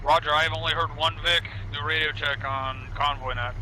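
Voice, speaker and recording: A man's voice: on the high side, steady tone, moderate pace, pushed and bright, slight background noise, poor audio. A man giving blunt, instructive orders as a convoy commander in military game radio chatter.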